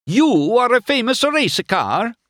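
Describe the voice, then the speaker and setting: Luigi, an excitable little car. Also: male voice, lowish voice, unhurried, dry recording, clean studio sound. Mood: thrilled. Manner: theatrical. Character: excitable, snobbish little male Italian car.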